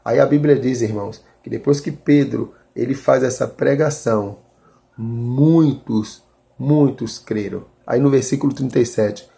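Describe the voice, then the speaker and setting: A man's voice: mid-range voice, a little slow, creaky, mellow. A man preaching a sermon, reading scripture and explaining it in an earnest way, calling his listeners brothers and restarting as he reasons aloud.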